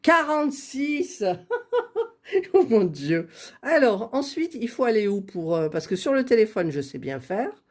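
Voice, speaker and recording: A woman's voice: fairly high pitch, very animated, unhurried. A woman chatting casually while drawing giveaway winners on a computer, laughing at her own fumbling. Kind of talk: casual screen-recorded vlog.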